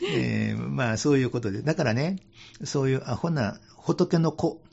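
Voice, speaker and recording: A man with a Kansai accent talks about Buddhist teaching in a relaxed, folksy way, chuckling now and then and dropping into dialect for emphasis. His voice is breathy and husky, and the radio recording sounds dull and lo-fi. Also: mid-range voice, normal speed. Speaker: Buddhist temple head priest, radio guest.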